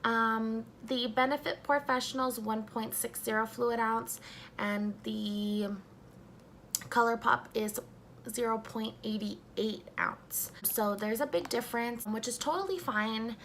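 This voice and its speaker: A young woman doing a casual makeup review at home, talking softly and a little sleepily as she applies primer. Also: a little high, steady tone, measured pace, slight background noise. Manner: soft-spoken, just woken up. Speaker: beauty vlogger.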